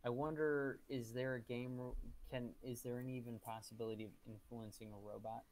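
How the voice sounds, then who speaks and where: A man's voice: medium pitch, level tone, a little fast, darkish tone, low-quality recording. A man playing a remote tabletop game, thinking aloud and planning moves with lots of questions. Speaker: player. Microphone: remote online call.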